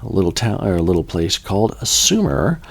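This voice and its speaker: A man with a low, gravelly voice hosts a podcast and talks through old legends in a loose, conversational way. His delivery swings widely in pitch, and he keeps breaking off for wry asides and to fix his own words. He sounds like a relaxed storyteller rather than a reader. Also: brisk. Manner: rambling, joking asides, self-corrections. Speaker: podcast host. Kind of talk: casual folklore storytelling.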